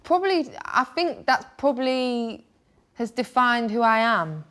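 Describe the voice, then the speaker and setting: Animated northern English woman. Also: on the high side, unhurried. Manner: blunt, animated storytelling. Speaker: guest singer-songwriter. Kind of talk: casual interview chat.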